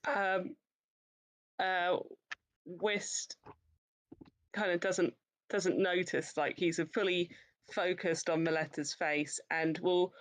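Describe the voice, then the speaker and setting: A woman takes her turn in a tabletop game, describing what her character does. She speaks slowly, in a low voice. She hesitates often and fills the pauses. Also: steady tone, rough recording. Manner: hesitant, with many fillers. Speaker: player.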